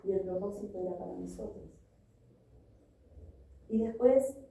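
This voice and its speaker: A woman's voice: medium pitch, a little slow, vocal fry, mellow. A woman preaching a sermon, earnestly telling a personal story and reading scripture. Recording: echoey room, voice from a distance.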